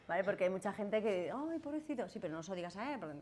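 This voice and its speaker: Spanish lady lawyer talking to students, chatty, keeps asking "right?", bit of background hiss. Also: mid-range voice. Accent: Spanish from Spain. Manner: chatty, asks "¿vale?" and "¿no?" often, acts out quoted voices. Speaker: lawyer giving a masterclass. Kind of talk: lecture to students with Q&A. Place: classroom.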